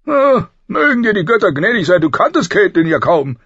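A man voicing a loud, jovial, bawdy middle-aged king in an audiobook, hearty and laughing. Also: high-pitched, sing-song, normal speed, breathy edge, no room sound, muffled recording, voice pushed up, heavily acted. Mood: teasing. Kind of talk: audiobook character voice.

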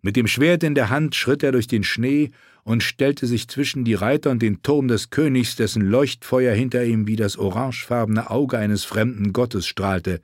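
A man narrating an audiobook in a measured, even storytelling manner. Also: medium pitch, dry recording, studio quality. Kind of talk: scripted narration.

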